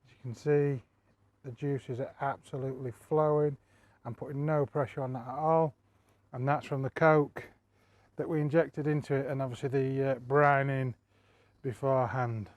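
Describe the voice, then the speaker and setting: A man's voice: mid-range voice, normal speed, dry recording, lo-fi sound. Chatty man hosting a barbecue vlog. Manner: relaxed, chatty, addresses viewers directly. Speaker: barbecue channel host. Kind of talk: casual cooking vlog talk.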